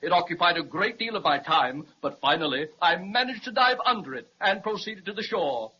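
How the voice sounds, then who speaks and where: Dragon, male: a wordy, self-pitying show-off for old-time kids' radio, bright husky tone, muffled 1930s recording. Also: sits high, expressive, a little fast, full character voice. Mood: boastful.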